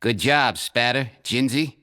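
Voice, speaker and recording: Man playing a gruff goblin fixer, bright and sharp-edged, terse, storybook. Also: medium pitch, unhurried.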